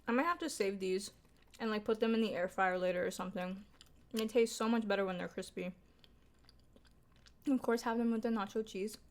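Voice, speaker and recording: A young woman films a laid-back mukbang, talking to her viewers as she eats, with plenty of filler words and a bit of light cursing. Her voice is medium in pitch and a touch quick, broken up by long pauses.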